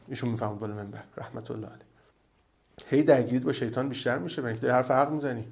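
Man preaching a religious lecture, fairly high voice, emphatic, keeps hammering his main point again and again. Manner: earnest, emphatic, repetitive.

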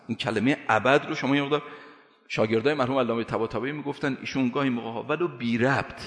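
A man's voice: medium pitch, fairly bright tone. A man giving a religious sermon, emphatic, hammering his points home with repeated rhetorical questions. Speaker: preacher. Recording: echoey hall reverb.

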